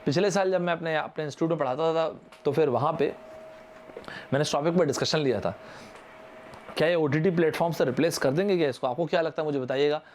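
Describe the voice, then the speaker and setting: Fast and darkish in tone, a slightly high-voiced young man from India leads a live online vocabulary lesson for exam aspirants. He chats informally, spells out each word letter by letter and urges viewers to comment their answers. Slight background noise can be heard.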